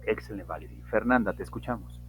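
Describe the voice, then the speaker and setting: A man teaching English in an online class, slowly and emphatically modeling example sentences. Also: fairly low pitch, a bit bright, soft background music, poor audio.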